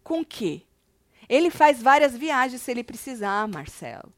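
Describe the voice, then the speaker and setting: A woman's voice: a little high, very animated, normal speed, a bit bright, dry recording, clean studio sound. A woman co-hosting a celebrity gossip show, chatty and teasing, reading out viewer comments.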